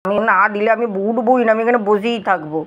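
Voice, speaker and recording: A woman's voice: a little high, fast talker, highs cut off, lightly acted. A woman voicing her pet dog, which sulkily refuses to share its food or get up from her lap. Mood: defiant.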